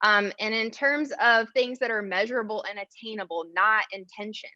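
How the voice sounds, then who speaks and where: A woman speaks over a conference call, her voice muffled and dry with no room around it. She addresses a city council in an earnest, measured way, laying out her points and then asking pointed questions. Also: medium pitch, sharp tone, no echo. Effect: heard over a conference call. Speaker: environmental advocate giving public comment. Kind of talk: prepared public comment to a city council. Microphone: video call.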